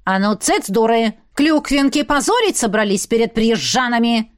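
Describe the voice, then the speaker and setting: A woman reading an audiobook voices a stern, bossy old man who heads a village, speaking gruffly and giving orders. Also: on the high side, expressive, moderate pace, lightly acted. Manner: gruff, commanding.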